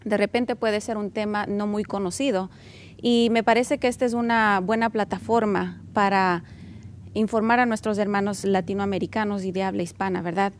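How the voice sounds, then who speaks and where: A woman's voice: mid-range voice, steady tone, moderate pace, slight background noise. A woman hosting a church television interview program, formal and polite, with some hesitant fillers. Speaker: TV program host.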